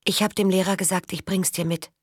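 A woman voicing a gentle young farm girl who speaks softly and eagerly, lifted higher than her own voice. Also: fairly even intonation, fairly quick, slightly rough, no room sound, studio quality, close to an everyday voice. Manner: soft, eager.

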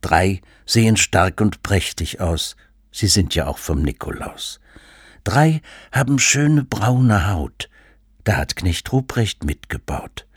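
A man's voice: fairly low pitch, slightly rough, no echo, clean studio sound. A man reading his humorous book aloud in an ironic, mock-solemn way.

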